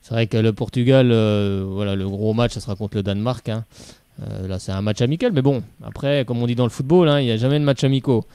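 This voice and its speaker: A male radio co-host reporting club news and giving opinions on live sports talk radio, in steady, run-on sentences. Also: mid-range voice, fast talker, clean tone, no echo. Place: radio studio.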